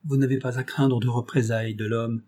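A man's voice: medium pitch, level tone, brisk, darkish tone, natural voice. A man voicing a tender young mother. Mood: earnest.

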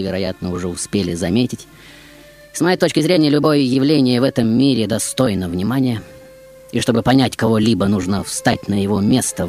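A man hosting a radio show with a florid, theatrical monologue that swings between loud and hushed. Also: lowish voice.

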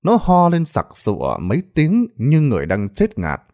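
A man narrating a Vietnamese ghost story in a scripted, storytelling style. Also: moderate pace. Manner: expressive storytelling with lively pitch. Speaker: horror storyteller.

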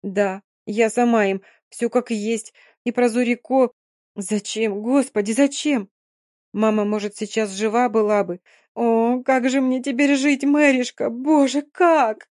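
A woman reading an audiobook, voicing a young Roma woman who is hoarse from crying, guilt-ridden and speaking in broken, halting bursts. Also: on the low side, no room sound, clean studio sound, lightly acted. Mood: anguished. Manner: broken, halting, rising in anguish.

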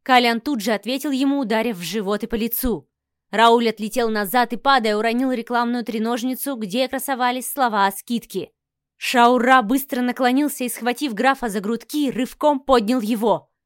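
A woman narrates a first-person novel in a measured, expressive way. Her voice sits a little high, and the dry recording has no room sound. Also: no room sound. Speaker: audiobook narrator.

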